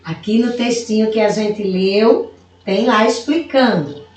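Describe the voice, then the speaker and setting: A woman teacher from Brazil giving a recorded video lesson to young pupils, patient and slow, stretching out syllables as she explains. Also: medium pitch, recorded from a distance. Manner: calls herself auntie, speaks warmly to young pupils. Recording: roomy echo, voice away from the mic.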